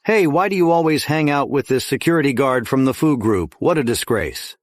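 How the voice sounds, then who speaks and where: A man's voice: mid-range voice, expressive, fairly quick, natural voice. Man voicing a blustering, snobbish middle-aged father. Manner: blustering, bossy. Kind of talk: English drama dub. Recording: dry studio dub.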